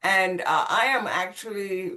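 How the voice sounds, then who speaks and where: Appearing on a podcast, a woman born on Saint Croix and brought up in Puerto Rico with Spanish as her first language recounts her life conversationally and expressively. She has a mid-range voice, a sharp tone, and a somewhat slow delivery.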